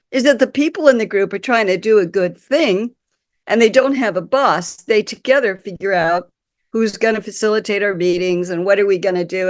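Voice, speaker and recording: A woman with a croaky, nasal voice from a cold, giving a webinar talk as a guest speaker over a video call, apologetic and clearing her throat. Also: mid-range voice, no echo, studio quality. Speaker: guest speaker, community consultant.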